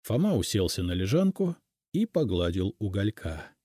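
A man reading a story aloud in a calm, even storytelling manner. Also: on the low side, moderate pace, no echo, studio quality. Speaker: audiobook narrator. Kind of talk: scripted narration.

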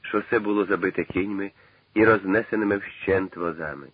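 A man narrating a novel in a measured, dramatic literary reading. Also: low voice, breathy edge, no room sound. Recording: tinny old radio broadcast.

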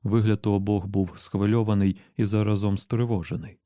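A man narrating an audiobook in a steady, even reading voice, close to the mic. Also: fairly low pitch, a little fast, no room sound. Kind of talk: scripted narration.

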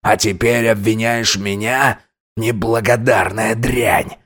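A man voicing a domineering older father in an audiobook, slow, cold and contemptuous. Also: on the low side, steady tone, fairly bright tone. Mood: scornful. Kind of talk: audiobook character voice.

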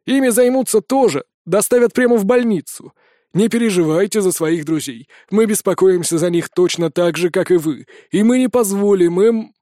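A man voicing a middle-aged male school director who speaks deliberately and with authority. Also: high voice, warm tone, no echo, clean studio sound, lightly acted.

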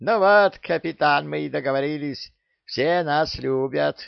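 A man voicing a cheeky, boastful male parrot who bullies the crew, with a shrill, cocky, bossy manner. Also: measured pace, gravelly, clear, resonant tone, no echo, dull audio. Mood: smug.

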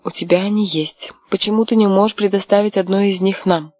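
A woman voicing a headstrong, quick-tempered young wife in an audiobook, sharp and mocking. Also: medium pitch, fairly even intonation, no echo, studio quality, lightly acted. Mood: furious. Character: fiery defiant young wife, headstrong and scheming. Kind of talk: audiobook character voice.

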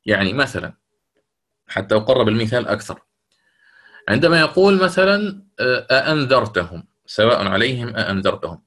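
A man's voice: a little high, fairly bright tone. A man teaching a lecture on Quran recitation, explaining step by step and often checking with his students. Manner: stretches words when demonstrating recitation. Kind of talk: classroom lecture.

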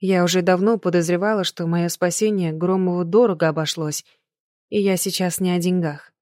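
A woman reading a novel aloud in a measured, dramatic way. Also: on the low side, steady tone, darkish tone, no room sound, clean studio sound. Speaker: audiobook reader. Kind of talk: scripted narration.

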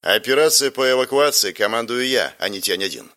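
A man's voice: mid-range voice, lively intonation, a little fast, pushed and bright. Man doing an arrogant barking commander. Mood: stern. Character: arrogant, stern male special-forces commander.

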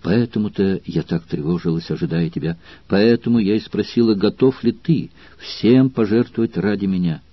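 A man with a husky voice reading the lines of a passionate noble Roman woman in an audiobook, soft and anxious, often near a whisper. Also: lowish voice, normal speed, no room sound, dull audio. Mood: urgent.

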